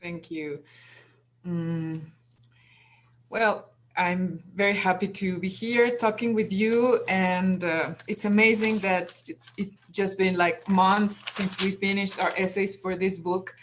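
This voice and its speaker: Woman from Mexico, unhurried, hesitant panel speaker. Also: mid-range voice, fairly even intonation, slight background noise. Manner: hesitant, many fillers and restarts. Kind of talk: online panel talk.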